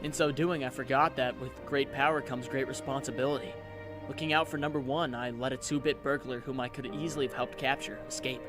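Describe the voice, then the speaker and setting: Voicing an earnest, self-doubting, wry young superhero in a comic book dub, a man delivers the story theatrically yet in a mid-range voice close to everyday speech. His intonation is fairly even and a little fast, with music in the background.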